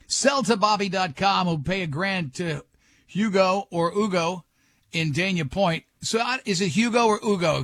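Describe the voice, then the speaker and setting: A man's voice: high-pitched, fairly bright tone, no room sound. A man hosting a morning radio show, joking brashly and talking over his guests.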